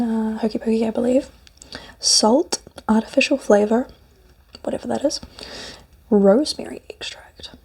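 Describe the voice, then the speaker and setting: Whispering New Zealand woman, breathy and husky. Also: on the high side, warm tone. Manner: tasting cereal while musing aloud. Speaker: snack reviewer. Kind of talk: whispered ASMR food review, eating cereal.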